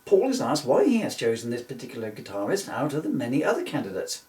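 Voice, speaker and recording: Talking fast with huge swings in pitch, a man with a mid-range, darkish voice reads his own parody book casually. He's loose and easily amused, drifting into asides and frequently cracking up at his jokes. The microphone is distant and the room echoes.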